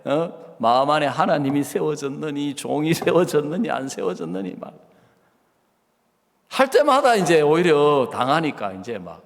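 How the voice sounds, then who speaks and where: A pastor telling a sermon story and acting out both sides of the dialogue. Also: male voice, a little high, sing-song, normal speed. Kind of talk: sermon with acted-out anecdote. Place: church sanctuary. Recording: long church reverb.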